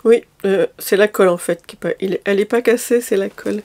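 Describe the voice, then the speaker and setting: A woman's voice: mid-range voice, quick pace, a little mellow. A woman chatting casually through a shopping haul video, a little tired, hesitant, with many fillers and restarts. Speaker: lifestyle vlogger.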